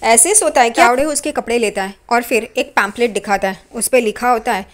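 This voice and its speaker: A woman retells a TV serial episode in casual, brisk storytelling. Her voice sits slightly high and moves steadily through the plot. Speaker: serial recap narrator.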